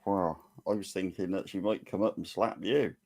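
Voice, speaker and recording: Deep-voiced man in casual chat. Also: fairly even intonation, normal speed, creaky, a little mellow.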